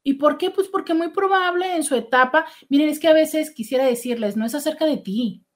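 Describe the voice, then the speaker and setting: A woman's voice: sits high, fairly quick. A middle-aged woman hosting a casual show and chatting animatedly as she reads listener messages. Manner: chatty, warm, animated with exclamations. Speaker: radio host reading listener messages. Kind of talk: casual call-in show chat.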